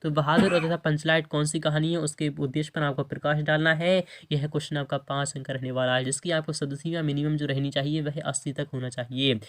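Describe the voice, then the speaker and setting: A man's voice: on the high side, level tone, a little fast, hardly any pauses, fairly bright tone. A male teacher who goes through an exam model paper. He keeps restating his points and repeats himself. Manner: repetitive, restates with "yani ki". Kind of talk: exam paper walkthrough lesson.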